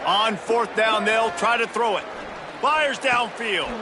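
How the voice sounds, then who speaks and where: A man's voice: high voice, slow pace, very noisy. An American man giving play-by-play commentary on a football game. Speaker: play-by-play announcer. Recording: loud music and stadium crowd behind. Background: loud music, roaring crowd.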